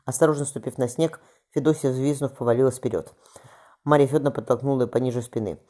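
Reading a historical novel aloud for an audiobook, a man narrates plainly and makes small slips along the way. He speaks quickly in a medium-pitched, dark voice.

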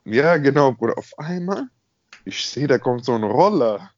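A man's voice: mid-range voice, lively intonation, normal speed, dry recording. Young man, emphatic casual storyteller, dry slightly muffled call audio. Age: young adult. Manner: slangy, emphatic, peppered with filler address words. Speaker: podcast co-host. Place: at home on an internet call.

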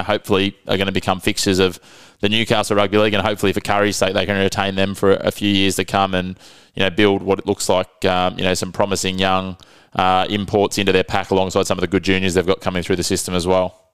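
A man's voice: low voice, level tone, fast talker, a bit bright, clear, resonant tone, no echo. An Australian man co-hosting a casual sports chat, talking in a matey, wordy way. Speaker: rugby league podcast co-host.

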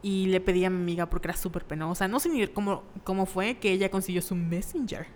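A woman with a Mexican accent chatting casually, telling animated stories and acting out the voices in them. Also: mid-range voice, quick pace, in a large hall, slight background noise. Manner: animated storyteller, acts out quotes, laughs often. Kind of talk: casual chat.

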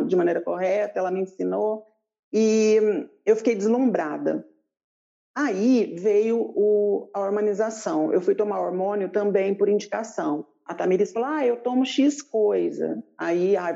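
A woman recounting her own story in an interview, animated and lively, jumping up in pitch whenever she acts out what someone said. Her voice is gravelly and mellow, and the recording sounds dull and lo-fi. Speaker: guest telling her life story.

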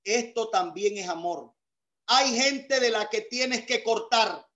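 A male pastor preaching a sermon over a video call, emphatic and swelling into shouts. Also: high-pitched, slow.

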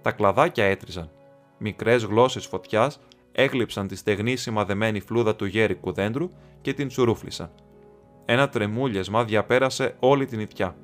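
A man from Greece reading an audiobook aloud in a steady, measured narration. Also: on the low side. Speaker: audiobook reader. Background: faint music.

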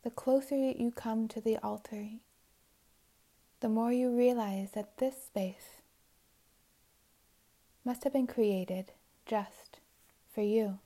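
A woman leads a guided meditation, her voice slightly high but very mellow and warm. She speaks very slowly and gently, with phrases that often fade into a hushed whisper. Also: fairly even intonation. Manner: soft and soothing, slipping into whispers.

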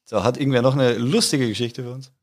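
A man's voice: medium pitch, fast talker, background noise. A young man telling a funny story in casual chat among friends, laughing often and restarting his sentences.

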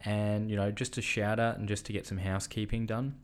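An Australian man hosting a casual podcast in a rambling, halting, informal way. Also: lowish voice, little pitch movement, slight background noise. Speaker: podcast host. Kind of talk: casual podcast introduction and interview.

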